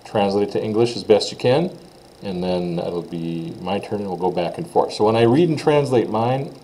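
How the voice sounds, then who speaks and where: A man's voice: fairly low pitch, normal speed, mellow, poor audio. A man teaching a casual recorded French lesson, talking informally with frequent "uh" fillers.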